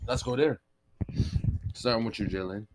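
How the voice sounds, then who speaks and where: A man's voice: fairly low pitch, moderate pace, a little hiss or hum. A man hosting a casual podcast chat, talking crudely and animatedly with frequent laughter. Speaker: podcast host.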